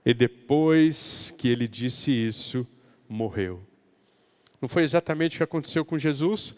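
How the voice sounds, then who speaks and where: A man with a Brazilian Portuguese accent preaching a sermon as pastor, asking rhetorical questions and building to emphatic, louder passages. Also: medium pitch, animated, measured pace. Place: church sanctuary. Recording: long church-hall reverb.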